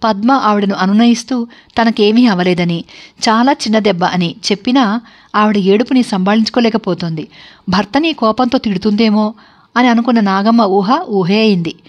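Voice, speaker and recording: A woman narrating a family story for an online video in a calm, steady manner. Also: mid-range voice, normal speed, lo-fi sound.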